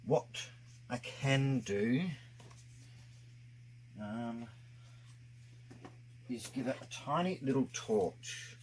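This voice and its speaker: A man's voice: mid-range voice, extremely slow, long pauses, a little mellow, a little hiss or hum. A man narrating a casual hands-on craft tutorial, his voice muffled by a face mask over his mouth, explaining things step by step. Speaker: craft video host.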